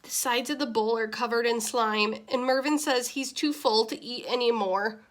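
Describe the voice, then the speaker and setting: A woman reads a children's picture book aloud with expressive, deliberate delivery, playing a tiny, easily exasperated goldfish who narrates a diary. She pitches her voice a little high and acts it only lightly.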